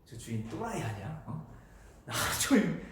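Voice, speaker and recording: A man's voice: a little high, big pitch swings, moderate pace, recorded from a distance, slight background noise, voice pushed down. A man voicing an indignant day laborer who grumbles in crude slang that his pay is unfair. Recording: echoey church hall.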